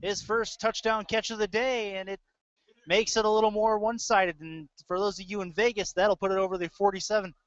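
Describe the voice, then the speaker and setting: Calling live American football, a male sports announcer runs through the action play by play in short, clipped bursts. He speaks a little fast in a high, fairly even, slightly bright voice, captured in a dry, lo-fi recording.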